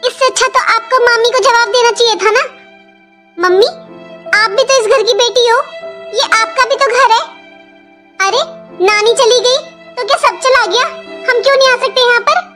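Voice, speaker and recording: Woman as an outspoken little girl, high childlike voice, faint music behind. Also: moderate pace, pauses often, bright, forceful tone. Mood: pleading. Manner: pleading, childlike. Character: young girl, outspoken and hurt. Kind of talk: family drama acting.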